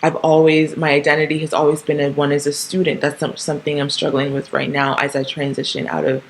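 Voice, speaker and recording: The low-quality recording, with slight background noise, captures a deep, flat, brisk voice. It belongs to a Canadian-raised podcast host in her thirties whose casual solo monologue rambles with frequent ums, restarts and tag questions.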